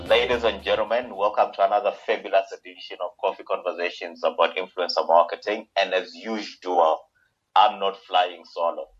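A man hosting a podcast conversationally, with a husky, rough-edged voice. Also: low voice, steady tone, fairly quick, soft background music. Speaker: podcast host. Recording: dull lo-fi remote call audio.

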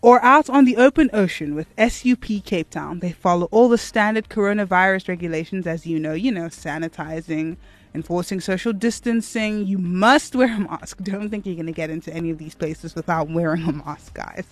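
A woman's voice: fairly low pitch, brisk, no echo. A woman with a South African accent presenting a radio show in a chatty style. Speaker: radio host.

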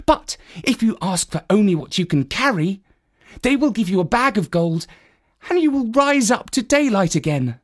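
A man reading a storybook aloud, voicing a wise young woman servant who gives calm, measured instructions. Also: sits high, pitched above the performer's own voice. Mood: instructive. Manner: measured, instructive, a little sarcastic.

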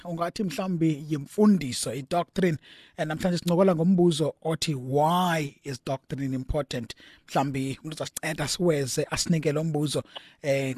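A South African man with a Xhosa accent hosts a religious radio talk show in a conversational way. His voice sits high and he talks rapidly, in a dry studio sound, moving between two languages as he goes. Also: a little mellow, no room sound. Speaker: radio host.

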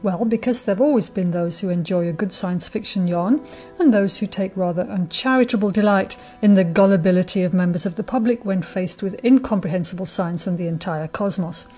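A woman hosting a short radio segment on astronomy, telling it in a wry, measured way. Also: medium pitch, dark tone, breathy edge. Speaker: radio host. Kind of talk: scripted radio talk on astronomy.

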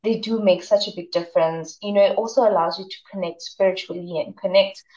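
A woman self-care coach, a guest on a radio chat, talking in a gentle, reflective way and often saying "you know". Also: medium pitch, fairly even intonation, brisk. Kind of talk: casual radio interview chat. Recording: roomy, distant, dull remote line.

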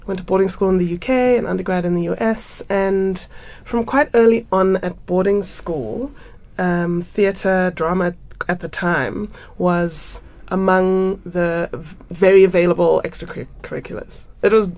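Woman from Zambia, theatre maker on radio, gravelly low voice, chatty with frequent laughs. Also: fairly even intonation, normal speed, darkish tone. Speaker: theatre maker and drama teacher. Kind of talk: radio interview guest.

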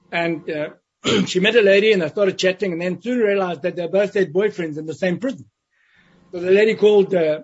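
A man's voice: high voice, breathy edge. A man recounting his time in prison as an interview guest, telling it vividly and acting out the voices of others. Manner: vivid storytelling, acts out quoted voices. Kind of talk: storytelling in an interview. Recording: dull lo-fi sound.

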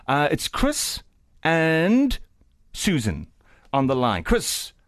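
Animated South African male radio host. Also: fairly high pitch, extremely slow, no echo, clean studio sound. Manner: jokey, chatty. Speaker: radio breakfast show host. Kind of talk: casual live radio game show hosting.

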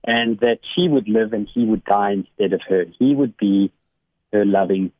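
A man's voice: lowish voice, normal speed, dry recording. A man, an academic, speaking as a regular guest on a radio devotional slot. He tells a story with many small restarts and laughs easily. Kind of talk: warm conversational devotional reflection. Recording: dry, phone-like radio line.

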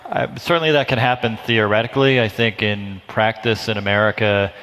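A man on a conference panel fields audience questions in a measured way, often restarting his phrases. His voice sits fairly low. The sound carries the long reverb of a large hall. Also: steady tone, fairly bright tone. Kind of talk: conference Q&A answer.

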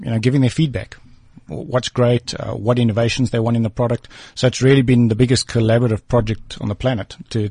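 Man, husky corporate guest voice. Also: mid-range voice, darkish tone, no echo. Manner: measured, on-message corporate. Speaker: tech company guest. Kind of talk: radio interview. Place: radio studio.

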